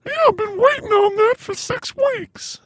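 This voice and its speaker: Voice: moderate pace, crowd noise. Chipmunky formant-shifted gross old Mama. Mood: unbothered. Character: shameless, gross, scheming old mother. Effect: formant shifted, pitched-up chipmunk voice. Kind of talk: improvised comedy sketch.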